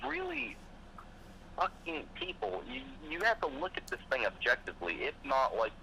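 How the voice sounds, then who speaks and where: A man's voice: on the high side, wildly swooping pitch, moderate pace, vocal fry, sharp tone, slight background noise, poor audio. Fired-up man ranting casually. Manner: profane, fired-up ranting with mocking quoted voices. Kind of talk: casual chat.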